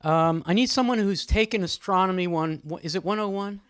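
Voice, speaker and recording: This host moderates informally in an indoor room at a live gathering, steering a group discussion with teasing, chatty remarks, calling people by name and reading some poetry. The voice is mid-range, brisk, clear and resonant.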